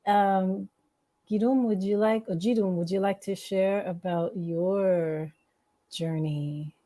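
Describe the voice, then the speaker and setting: A woman's voice: medium pitch, steady tone, takes it slowly, mellow. A woman hosting a casual video call chat with musicians, friendly and curious. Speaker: host, musician.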